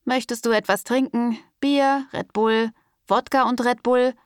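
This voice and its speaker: A woman voicing a suspicious, hot-tempered young male dealer who talks in crude street slang and snaps loudly. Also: fairly high pitch, steady tone, measured pace, clear, resonant tone, dry recording, studio quality, lightly acted. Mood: wary.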